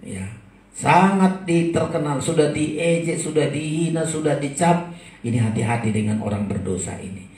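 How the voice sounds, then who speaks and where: Man, pastor, emphatic sermon, high voice, very echoey church hall, heard from afar. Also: moderate pace, darkish tone, far from the mic. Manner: preaching with emphatic swings of pitch and volume.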